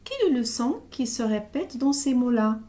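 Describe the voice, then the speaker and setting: A woman teaching a reading lesson to young children, sounding out letters and syllables slowly and deliberately. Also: fairly high pitch, big pitch swings, mellow. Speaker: primary school teacher.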